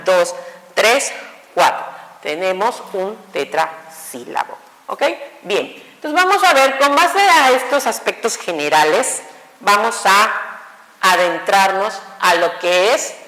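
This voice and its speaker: A woman with a Mexican Spanish accent teaching an online grammar class, slow and deliberate, often checking in with her students. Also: mid-range voice, fairly bright tone. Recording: echoey room with long reverb.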